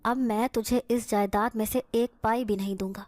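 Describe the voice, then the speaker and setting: Harsh, contemptuous relative, read by a woman narrator in a storybook horror tale, fairly high voice. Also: fairly even intonation, darkish tone, no room sound, close to an everyday voice. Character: cruel relative evicting an orphan girl.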